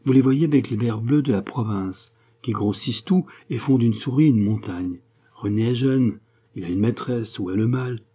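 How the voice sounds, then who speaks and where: A man's voice: mid-range voice, normal speed, dark tone, husky, close to an everyday voice. A man reading the part of a sardonic, teasing journalist who mocks his hosts. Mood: mocking. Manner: scornful, teasing. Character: mocking sardonic male journalist, middle-aged man.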